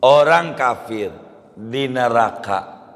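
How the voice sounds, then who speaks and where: A hoarse man preaching, quizzing his listeners and repeating key phrases. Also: mid-range voice, animated, slow, a bit bright. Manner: repeats phrases, quizzes listeners, colloquial Betawi-flavored Indonesian. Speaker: Islamic preacher. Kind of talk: lecture sermon with questions to the audience. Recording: long hall reverb.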